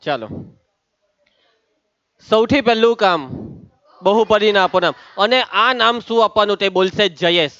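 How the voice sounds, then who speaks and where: High-voiced teasing maths teacher. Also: male voice, measured pace, pauses often, fairly bright tone, no room sound, muffled recording. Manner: teasing, calls on students by name. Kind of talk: lively classroom lesson.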